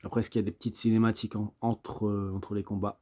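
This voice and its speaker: A man's voice: on the low side, little pitch movement, fast, warm tone. A man giving casual gameplay commentary as a game reviewer, thinking aloud and hesitant, with many fillers. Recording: clear background noise.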